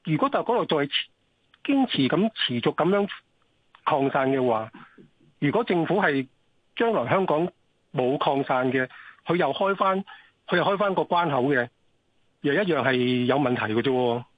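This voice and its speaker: Hong kong caller guy, husky, keeps restarting, tinny phone line. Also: fairly high pitch, lively intonation, no room sound. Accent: Hong Kong Cantonese. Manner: halting, restarts and repeats himself. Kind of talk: casual call-in talk. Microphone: telephone. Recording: dry phone-line audio.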